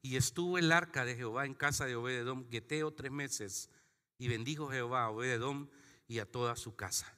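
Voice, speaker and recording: A man's voice: medium pitch, fairly quick, sharp tone, big-room sound. A man, preaching a sermon as pastor in a conversational, joking way with little acted-out asides. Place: church sanctuary.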